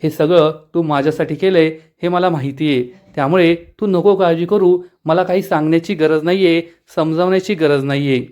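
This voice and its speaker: A man's voice: on the high side, fairly even intonation, moderate pace, few pauses, darkish tone, close to an everyday voice. A man voicing a loyal young husband who talks earnestly and reassuringly. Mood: tender.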